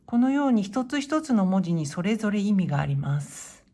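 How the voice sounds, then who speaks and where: A woman teaching Japanese to beginners in a clear, patient way, modeling pronunciation slowly and encouraging learners. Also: medium pitch, big pitch swings, dark tone. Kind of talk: slow, clear explanatory lesson.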